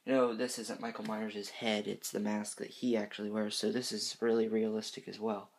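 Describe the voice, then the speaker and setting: A man's voice: fairly low pitch, level tone, normal speed, vocal fry. A fifteen-year-old boy giving a casual, unscripted review in a hesitant, rambling way, often correcting himself. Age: teenager, fifteen. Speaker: reviewer of horror movie masks.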